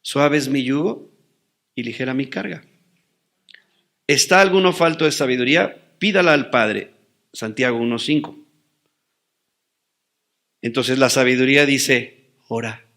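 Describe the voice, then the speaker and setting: A man's voice: mid-range voice, unhurried, pauses often, a bit bright. A man preaching a sermon as pastor, asking rhetorical questions and answering them with rising emphasis.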